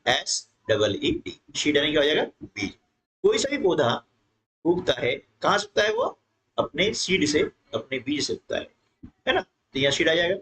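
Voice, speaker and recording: A man teaching an English textbook lesson to students, reading English lines slowly and then explaining them quickly, with frequent tag questions. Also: on the high side, fairly bright tone, rough recording.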